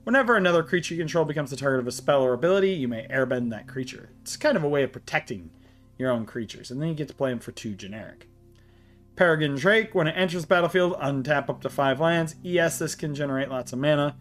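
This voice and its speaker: A man's voice: on the high side, fairly bright tone, soft background music. Breathless man reading card text. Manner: reads card text aloud, halting with frequent fillers. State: short of breath. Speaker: card game channel host. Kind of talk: deck tech walkthrough.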